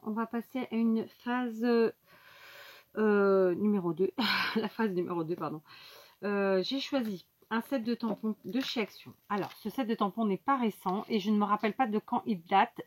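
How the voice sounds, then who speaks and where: A woman's voice: mid-range voice, moderate pace. A woman hosting a casual craft tutorial, explaining each step to her viewers with many fillers and asides. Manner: talks directly to viewers.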